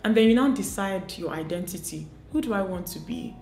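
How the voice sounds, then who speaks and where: A woman's voice: medium pitch, expressive, a little fast, darkish tone. A woman giving motivational advice to camera, earnest and coaching, asking many rhetorical questions. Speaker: beauty and lifestyle vlogger. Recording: echoey room.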